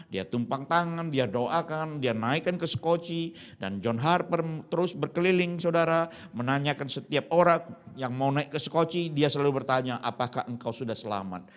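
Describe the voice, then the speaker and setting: A man in his fifties from Indonesia, a pastor preaching a sermon as a lively story, acting out the voices of the people in it and slipping English phrases into his talk. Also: on the high side, clear, resonant tone. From Indonesia (Jambi, Sumatra).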